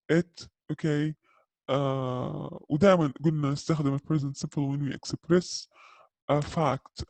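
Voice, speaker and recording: A man teaching an English grammar lesson, saying the English examples slowly and carefully and often checking in with his listeners. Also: fairly high pitch, a little mellow, no echo. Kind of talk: grammar lesson explained in Arabic.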